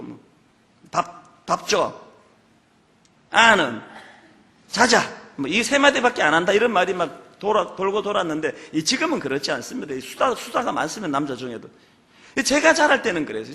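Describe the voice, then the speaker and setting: High, lively pastor preaching in a hall. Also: male voice. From Gyeongsang, South Korea. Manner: emphatic, full of rhetorical questions. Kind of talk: sermon. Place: church sanctuary. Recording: long reverb of a large hall.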